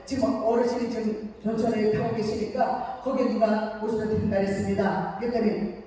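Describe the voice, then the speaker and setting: A woman pastor preaching a sermon at a church revival meeting, telling a personal story lively and acting out each person's words. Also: on the high side, a little fast, crowd noise. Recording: echoey church hall, mic far off.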